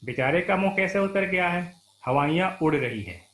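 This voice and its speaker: A man's voice: high-pitched, expressive, normal speed, a bit bright. A man reading the lines of a worried mother soothing her sick boy in a classroom play, with a coaxing, fretful delivery. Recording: roomy echo.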